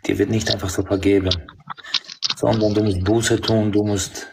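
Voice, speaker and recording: A man's voice: fairly low pitch, little pitch movement, normal speed, vocal fry, background noise. A man in an online voice chat debate, explaining his belief and asking to finish speaking. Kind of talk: heated religious debate.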